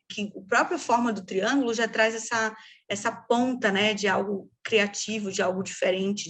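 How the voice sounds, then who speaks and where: A woman's voice: mid-range voice, a bit bright. A woman coach giving a casual, joking lecture, often checking in with her audience. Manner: joking, chatty, frequent "né, gente". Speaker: temperament coach.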